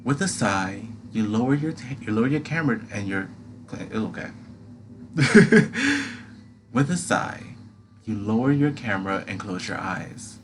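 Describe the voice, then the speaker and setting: A man's voice: fairly low pitch, normal speed. A man reading a game's second-person story aloud as narrator, with dramatic delivery. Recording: clear background noise.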